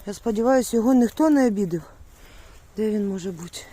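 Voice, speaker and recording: A woman talking casually to the camera in a village yard, calling for her dog in high sing-song bursts. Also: quick pace, warm tone. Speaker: vlogger. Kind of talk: casual vlog narration. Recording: noisy outdoor recording. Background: animals and rural outdoor sounds.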